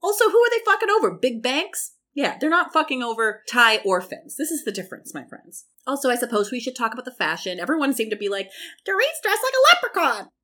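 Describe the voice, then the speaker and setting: Chatty, opinionated woman with a lively voice. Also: fairly high pitch, quick pace, few pauses. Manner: chatty, opinionated, swears freely. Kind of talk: casual reality TV recap.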